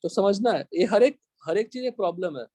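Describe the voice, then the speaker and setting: High-voiced Indian man teaching chemistry. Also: expressive, mellow, no room sound. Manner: explains step by step, checks the class often; dictates slowly in English. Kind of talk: live classroom lecture.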